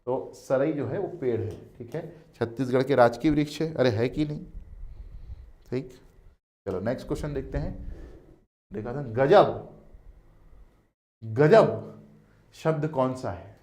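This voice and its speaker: A male teacher with a Chhattisgarhi accent gives an exam coaching lecture. He talks in an animated, emphatic way, repeats key words and calls his students "beta". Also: mid-range voice, unhurried, long pauses.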